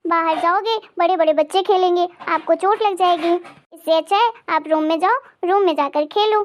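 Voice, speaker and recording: A woman voicing a patient young mother in an animated cartoon, speaking in a soothing, coaxing way. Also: very high-pitched, normal speed, slight background noise.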